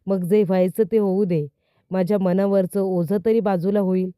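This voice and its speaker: A stern, exasperated young husband scolds and gives firm orders, as a woman narrator reads his part. The voice is dark and mellow, recorded dry and close. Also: medium pitch, steady tone, moderate pace, clean tone, no echo, close to an everyday voice. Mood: resolute.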